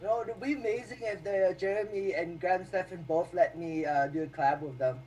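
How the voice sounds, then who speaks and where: A man's voice: high-pitched, a little fast, a little mellow, slight background noise, low-quality recording. A man on a casual stock-market live stream who explains things step by step.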